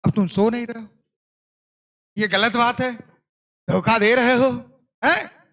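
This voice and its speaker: This classroom lecture comes from a man whose voice is high and fairly bright. Running a coaching class, he keeps quizzing students, echoing their answers, and playfully scolding and teasing the drowsy ones.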